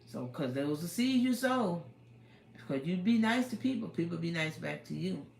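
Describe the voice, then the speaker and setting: A woman's voice: on the low side, expressive, moderate pace, vocal fry, darkish tone, echoey room, a little hiss or hum. A woman in her fifties chatting casually on a livestream, rambling and giving life advice, talking into her phone. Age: 50s. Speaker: livestream host.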